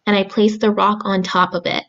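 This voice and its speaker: A young adult woman speaking to children in simple, deliberate phrases, as a storyteller and craft host. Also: mid-range voice, flat delivery, fairly bright tone, muffled recording. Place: small room at home, indoors.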